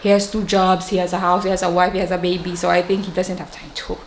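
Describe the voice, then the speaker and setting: A woman's voice: on the low side, flat delivery, fast talker. A young woman with a Filipino accent, chatting casually and rambling, laughing often. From Philippines. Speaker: vlogger. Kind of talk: casual chat. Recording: echoey room, faint noise.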